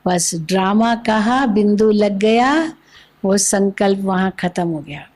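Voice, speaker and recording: A woman's voice: medium pitch, slow pace, a little mellow. A woman giving a spiritual discourse at a microphone, explaining patiently with everyday examples. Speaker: spiritual teacher.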